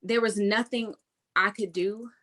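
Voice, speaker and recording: A woman's voice: medium pitch, steady tone, unhurried, fairly bright tone. A woman guest recalling events, hesitant and reflective, acting out what she said. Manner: hesitant, reflective, quotes herself animatedly. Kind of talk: casual conversation.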